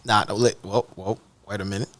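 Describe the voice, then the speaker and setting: A man's voice: lowish voice, steady tone, brisk, a bit bright, slight background noise. A man hosting a casual podcast interview, upbeat and hyping up his guests. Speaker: podcast host.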